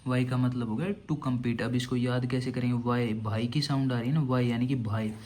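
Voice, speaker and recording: A man's voice: medium pitch, flat delivery, normal speed, a little mellow, slight background noise. A young man teaching vocabulary for exams. He explains memory tricks and keeps saying "theek hai" between points. He asks his own questions and answers them. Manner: explains with mnemonics, says "theek hai" constantly. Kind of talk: online vocabulary lesson.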